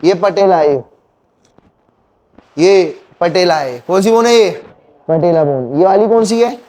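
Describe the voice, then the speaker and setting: A man's voice: high-pitched, a little slow, dark tone. A male teacher giving a classroom anatomy lecture, quizzing students and counting bones aloud. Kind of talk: classroom lecture with call-and-response questions.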